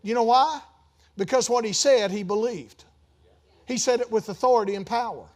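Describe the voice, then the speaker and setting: Male pastor, high voice, conversational sermon, swings into loud emphatic peaks. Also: normal speed. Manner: conversational preaching with rising emphatic bursts and asides.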